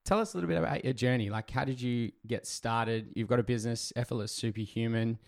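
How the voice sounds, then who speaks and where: This podcast host speaks quickly in a creaky, mid-range voice, his throat still recovering from laryngitis. Chatty and enthusiastic, he fills a casual intro and interview with plenty of fillers. The recording is studio quality with no room sound.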